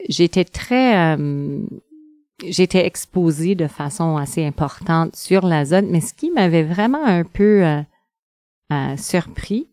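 A middle-aged researcher answers interview questions in a low, smooth, resonant voice. She speaks hesitantly, with frequent pauses and fillers. The sound is close and dry. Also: dark tone, no echo. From northern Ontario.

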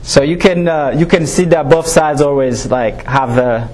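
A young Rwandan man giving testimony as a student speaker has a voice on the high side with a slightly mellow tone. Nerves show as he hesitates, filling gaps and restarting often.

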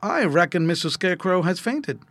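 A man's voice: high voice, big pitch swings, normal speed, a bit bright, no room sound, voice pushed up, full character voice. A man voicing a kindly, fiery farmer toy man in a storybook, folksy and exclaiming. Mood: gentle.

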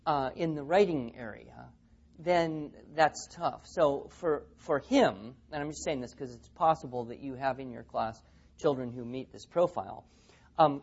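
This man's fairly high voice has a breathy edge, and the audio is dull. He's giving a seminar talk on teaching, spinning stories and performing the quoted lines.

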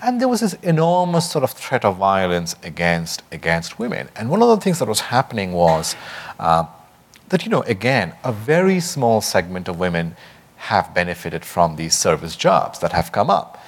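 A man with a fairly low voice and a posh, educated Indian accent. He talks conversationally and at length as a guest author, articulate and discursive, often restarting a thought to rephrase it. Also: wildly swooping pitch, moderate pace. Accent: educated Indian English. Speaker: author and journalist being interviewed. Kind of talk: conversational discussion at a book talk.

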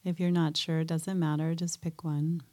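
A woman guiding a mindfulness meditation in a soft, gentle way, pausing often between phrases. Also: low-pitched, little pitch movement. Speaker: meditation teacher.

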